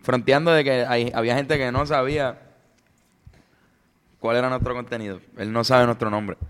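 Brief: male co-host, mid pitch, easygoing asides. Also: fairly even intonation, normal speed, smooth, in a large hall. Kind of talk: comedic reaction chat.

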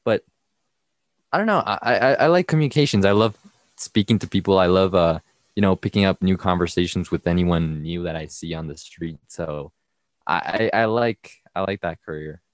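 A teenage young man from Mexico guests on a casual podcast. His voice is very low, and he speaks in halting bursts with frequent restarts. The recording is dry and close. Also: no echo. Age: teens. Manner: hesitant, halting, laughs often. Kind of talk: casual interview chat.

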